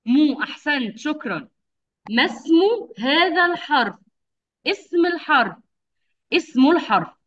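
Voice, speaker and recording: A woman with a high, very lively voice leads a lesson for young children. She sounds out each syllable patiently and slowly and praises often. The sound is dull and lo-fi, like a video call. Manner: patient, drawn-out enunciation with frequent praise. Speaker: kindergarten teacher.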